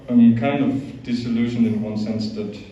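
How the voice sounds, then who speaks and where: This young man from Austria, a monk invited to speak, talks informally and haltingly to a youth group, with many fillers and restarts and an Austrian accent. His mid-range voice is mellow and steady at a normal pace. The sound is echoey, distant and dull, recorded in a large echoing hall.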